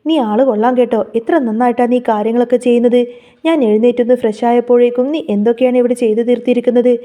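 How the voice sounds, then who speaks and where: A woman voicing an affectionate middle-aged father in a read-aloud story, speaking warmly and proudly. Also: a little high, flat delivery, fast talker, natural voice. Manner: warm, proud.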